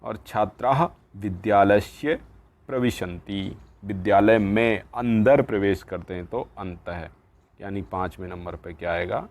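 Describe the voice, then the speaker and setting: A man's voice: on the low side, darkish tone. A man teaching a textbook lesson, reading lines aloud and explaining each word. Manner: slow, reads Sanskrit lines then explains in Hindi. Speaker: Sanskrit teacher.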